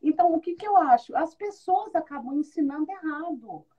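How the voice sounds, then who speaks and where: Lively high-voiced woman telling stories. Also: a little fast, highs cut off. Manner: animated storyteller who acts out quoted dialogue; good-humored, laughs often. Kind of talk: casual conversational interview.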